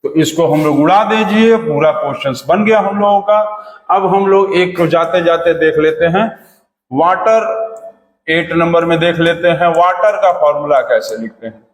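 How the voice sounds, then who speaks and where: A man's voice: fairly high pitch, moderate pace. A man giving a chemistry lesson in a chatty, repetitive way, coaxing his students along. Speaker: teacher. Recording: echoey room with long reverb.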